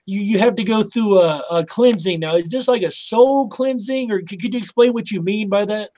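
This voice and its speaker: A man hosting an interview show, asking questions in a halting way and rephrasing them as he goes. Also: sits high, a little mellow.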